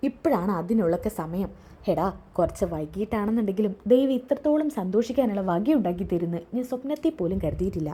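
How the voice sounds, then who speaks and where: A woman's voice: mid-range voice, animated, fast talker, mellow, slightly rough. A woman doing a gloating scheming mother. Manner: gloating, conspiratorial. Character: scheming middle-aged mother plotting with son.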